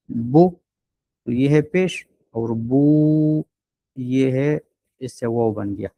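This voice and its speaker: A man teaching a Quran recitation class online. He explains patiently, fills pauses with drawn-out sounds, and models short vowel sounds slowly and deliberately. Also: mid-range voice, gravelly, a little mellow, no room sound, highs cut off.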